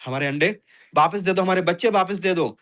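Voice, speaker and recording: A man's voice: sits high, fairly quick, fairly bright tone. A man voicing a grieving mother sparrow in a spoken folk tale, pleading with the sea god and then threatening it. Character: grieving small female sparrow, defiant.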